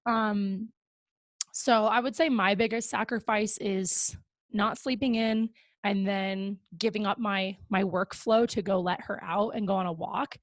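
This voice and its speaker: A woman's voice: mid-range voice, fairly even intonation, a little slow, no echo. A young adult woman hosting a podcast in casual chat, upbeat and talkative with plenty of fillers. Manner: upbeat and chatty, with frequent fillers. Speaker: podcast host. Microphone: close podcast mic.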